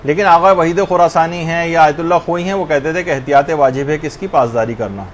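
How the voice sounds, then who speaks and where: In an unhurried lesson on correct Quran recitation, a man with a fairly high voice alternates between plain explanation and slow, drawn-out chanting of verses as worked examples. Faint background noise lies beneath his voice.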